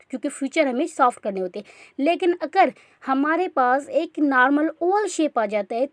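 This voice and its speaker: A woman with a high-pitched, slightly mellow voice teaches a makeup class in a chatty, casual tutorial style, often checking in with listeners and repeating "theek hai." The recording is clean studio sound with no echo.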